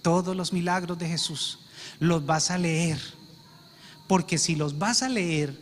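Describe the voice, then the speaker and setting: A man's voice: high voice, a bit bright, long reverb tail. A male pastor preaching a sermon with emphasis, repeating phrases and saying "amén" often.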